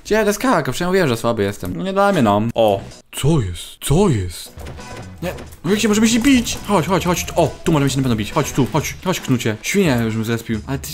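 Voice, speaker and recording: A man commentating his own video game play, excitable and jokey, often exclaiming and laughing while teasing other players. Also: a little high. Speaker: gaming YouTuber. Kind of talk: Minecraft let's play commentary.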